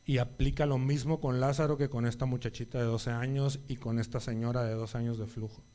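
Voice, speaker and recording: A man's voice: medium pitch, flat delivery, a little fast, dark tone. A man preaching a Sunday sermon in a conversational way, often checking in with the congregation and rising in volume at emphatic points.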